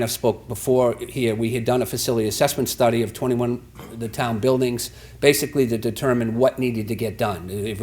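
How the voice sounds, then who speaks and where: A man from the Boston area giving a formal town address, speaking in a halting way with many restarts and fillers. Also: mid-range voice. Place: town meeting hall.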